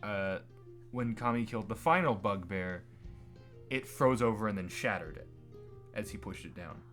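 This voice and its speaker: A man's voice: fairly low pitch, lively intonation, normal speed, fairly bright tone. A man casually narrating a tabletop role-playing game as game master. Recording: background music under the voice. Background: plucked guitar music.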